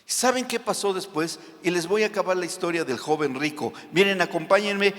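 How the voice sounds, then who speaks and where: A man preaching a sermon as pastor, animated, with joking asides and dramatic readings. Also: high-pitched, fairly quick. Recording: long hall reverb.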